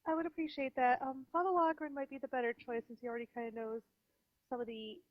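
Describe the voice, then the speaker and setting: A woman's voice: sits high, steady tone, fast talker, lo-fi sound. A woman chatting casually as a player in a tabletop game.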